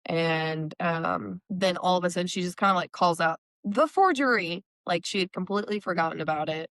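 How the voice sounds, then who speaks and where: Chatty woman, low smooth voice, dry close sound, recapping a book with lots of fillers. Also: steady tone, brisk, a bit bright, no room sound. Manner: chatty retelling, frequent "like" and "um". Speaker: podcast co-host. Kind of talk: casual book-recap chat. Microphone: remote call.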